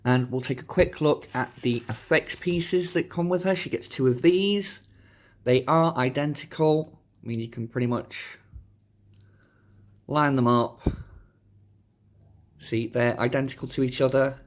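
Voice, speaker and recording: Guy doing a chatty toy review, voice a bit rough from a sore throat. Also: medium pitch, unhurried, long pauses. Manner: informal, chatty. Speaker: host of a toy review channel. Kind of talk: casual product review.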